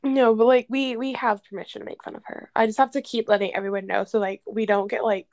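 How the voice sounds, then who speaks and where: Higher-pitched young woman on a podcast, laughing a lot, lots of "like"s. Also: flat delivery, quick pace, a little mellow. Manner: laughs often, many fillers. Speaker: podcast co-host. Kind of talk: casual storytime chat.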